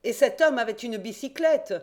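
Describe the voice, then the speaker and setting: A woman reading an audiobook, voicing an eager, confident young male reporter-detective in a raised, excited voice. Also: unhurried. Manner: excited, emphatic, raised and higher voice.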